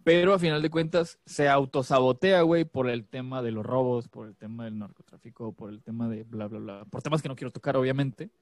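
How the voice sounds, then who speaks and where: A man's voice: medium pitch, fairly quick, hardly any pauses, no echo, studio quality. A man chatting casually and jokingly, telling things in profane slang. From Monterrey, northern Mexico. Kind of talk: casual chat.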